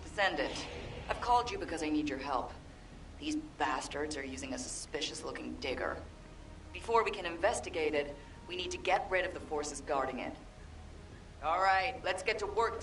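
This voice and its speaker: Tough low-voiced field operative. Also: female voice, moderate pace, far from the mic. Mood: commanding. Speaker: mission guide. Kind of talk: game dialogue. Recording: roomy game audio from afar, music.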